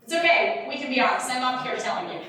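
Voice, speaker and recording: A middle-aged woman giving an animated conference workshop, questioning the audience and acting out quoted voices. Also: sits high, fast talker. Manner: animated, acts out quoted voices, asks the room. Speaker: workshop presenter. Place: conference hall. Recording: echoey hall from far off.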